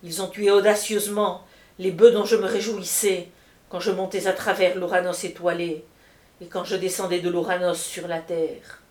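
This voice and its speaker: Solemn, wrathful sun god of myth, read by a woman, lowish voice, echoey room. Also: flat delivery, normal speed, natural voice. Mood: indignant. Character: male sun god Helios, wrathful, demanding. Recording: roomy echo.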